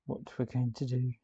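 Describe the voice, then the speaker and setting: A man's voice: mid-range voice, warm tone, breathy edge, no room sound, lo-fi sound. A man hosting a live building stream, chatting and thinking aloud as he works. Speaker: host.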